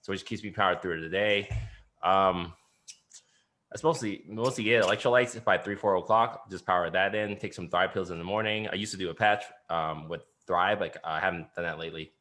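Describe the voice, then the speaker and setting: A man chatting casually on a team video call, laid-back and a bit halting. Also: low voice, sharp tone. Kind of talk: casual group meeting chat.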